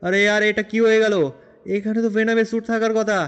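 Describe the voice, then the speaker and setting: Chatty high-voiced man playing a game hero. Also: fast, close to an everyday voice. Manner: rambling, chatty, repeats fillers. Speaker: gameplay narrator and role-player. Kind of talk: game role-play narration.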